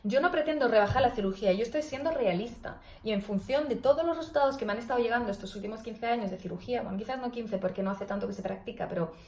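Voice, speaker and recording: A young woman speaks as a speech therapist in a video blog. Her voice sits a little high, and her tone is earnest and cautionary as she explains. The recording carries a noticeably roomy echo. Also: fast talker, hardly any pauses, darkish tone.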